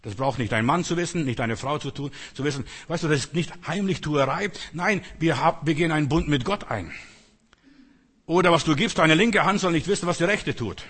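A man's voice: on the high side, animated, fairly quick, a bit bright, breathy edge. An older man preaching a sermon, earnest and emphatic with rising outbursts. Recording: long reverb in a hall.

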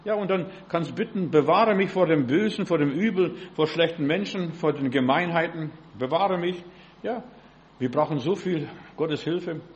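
A man's voice: a little high, normal speed, highs cut off. Fervent preacher man. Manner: fervent, addresses listener directly with frequent rhetorical questions. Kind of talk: informal sermon.

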